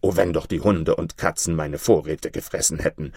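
A despairing cook from an old tale, low and shaken as he bewails his bad luck, as a male narrator acts him out. The lament comes slow and heavy in a storybook telling. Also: lively intonation, gravelly, slightly rough, dry recording, studio quality, full character voice. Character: despairing honest middle-aged male cook.

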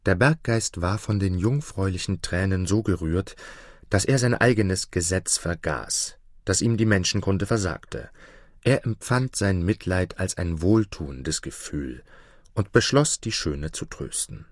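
A man reading a folk fairy tale aloud with a low, steady voice. The reading is measured and close to the mic, with a dry sound and no room behind it. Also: no echo. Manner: measured, storytelling. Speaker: narrator. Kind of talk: scripted fairy-tale narration.

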